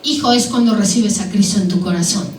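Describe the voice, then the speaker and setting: A woman's voice: mid-range voice, brisk, a little mellow. A woman preacher delivering a sermon to a congregation, asking them questions as she goes. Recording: echoey hall, mic at a distance, faint background noise.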